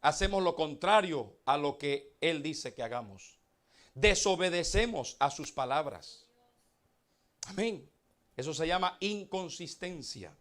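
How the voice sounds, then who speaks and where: High-voiced preaching man, slow and emphatic. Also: lively intonation, a bit bright. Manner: preaching with dramatic swings of volume and slow emphatic words; addresses the congregation as beloved brothers. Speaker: pastor. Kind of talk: sermon.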